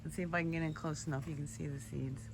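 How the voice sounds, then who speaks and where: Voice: medium pitch, steady tone, quick pace, creaky. A gardener giving an enthusiastic, slightly out-of-breath walking tour of an outdoor garden, recorded on a handheld camera. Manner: enthusiastic, exclaiming over plants. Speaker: gardener showing her garden. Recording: outdoor ambience noise. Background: outdoor ambience.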